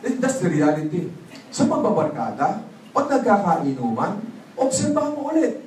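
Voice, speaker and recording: Animated man working a seminar crowd. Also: high-pitched, moderate pace. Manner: animated, prompts audience call-and-response; mixes English phrases into his talk. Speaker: seminar speaker. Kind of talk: motivational business seminar talk. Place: seminar hall with audience. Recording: echoey hall, voice from far off, faint noise.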